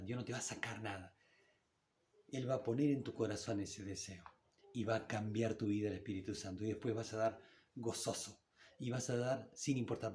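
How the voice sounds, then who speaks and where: A man with an Argentine Spanish accent delivers a sermon from a church pulpit, talking to the congregation in a familiar, conversational tone. His voice sits on the low side, and he slows down deliberately whenever he reads scripture aloud. Faint hiss sits under the recording. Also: darkish tone. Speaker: pastor.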